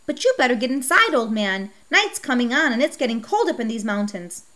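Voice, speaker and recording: A woman's voice: fairly high pitch, very animated, fairly quick. A woman reading the lines of a clumsy, earnest bridge builder in a storybook, in a voice close to her own. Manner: earnest, shouting orders. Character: clumsy hardworking bridge builder, adult man.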